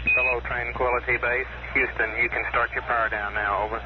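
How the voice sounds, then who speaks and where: A man speaking over a radio as a mission control communicator, in a calm, clipped, procedural way. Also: mid-range voice, brisk. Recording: noisy, muffled archival radio transmission.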